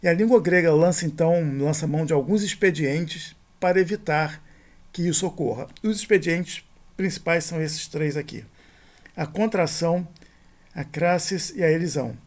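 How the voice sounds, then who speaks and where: A middle-aged man with a gravelly edge to his slightly high voice, walking students through a recorded grammar lesson. He talks patiently and explains things step by step. He repeats his points and keeps checking in with a quick "right?" tag. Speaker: teacher.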